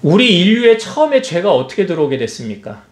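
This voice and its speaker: A man's voice: high voice, big pitch swings, quick pace. A man preaching a sermon as senior pastor, asking the congregation question after question. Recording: echoey church hall.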